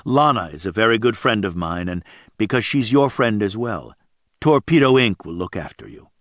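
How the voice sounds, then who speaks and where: A hard male biker with a blunt, cold delivery, as the narrator voices him. The low voice stays close and dry. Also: sing-song, moderate pace, fairly bright tone, no room sound. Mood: gruff.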